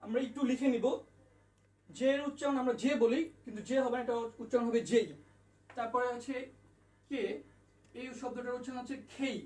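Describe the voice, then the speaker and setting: A male English tutor talks at a quick pace in a very high, steady, darkish voice, patiently repeating and spelling out letter sounds during an online lesson. The distant mic picks up an echoey room.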